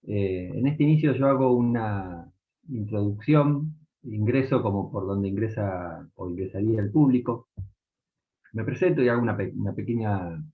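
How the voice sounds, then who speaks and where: Guy reading his play over a tinny call line, lowish voice, lots of fillers. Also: lively intonation, normal speed. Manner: hesitant, with many filler words. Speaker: playwright and performer. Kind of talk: explaining, then reading a play script.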